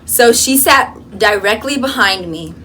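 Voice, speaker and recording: Bright-voiced young woman telling a story. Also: fairly high pitch, unhurried, slight background noise. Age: young adult. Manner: animated storytelling, lots of fillers. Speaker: vlogger. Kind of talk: casual chat. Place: college dorm room.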